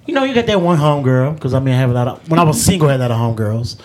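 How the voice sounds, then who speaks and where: A man's voice: medium pitch, animated, very fast, over a noisy crowd. A man co-hosting a podcast, joking and rambling in casual slang. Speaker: podcast co-host.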